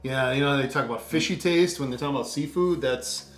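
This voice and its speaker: A man's voice: medium pitch, brisk, echoey room. A man co-hosting a casual food tasting, chatty and jokey, reading labels aloud. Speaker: co-host.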